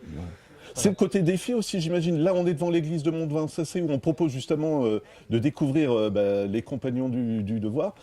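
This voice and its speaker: A man's voice: fairly high pitch, a little fast, warm tone. A man working as a local TV reporter, asking friendly, leading questions outdoors. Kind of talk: outdoor interview. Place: outdoors by a church.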